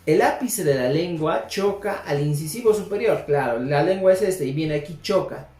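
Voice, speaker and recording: A woman with a low, unhurried voice teaches a language lesson, sounding out syllables patiently for her students to repeat. Her voice rings in an echoey room, with faint music underneath. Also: lively intonation, warm tone. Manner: patient, modeling sounds slowly for learners to repeat. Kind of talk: spoken lesson with repetition drills.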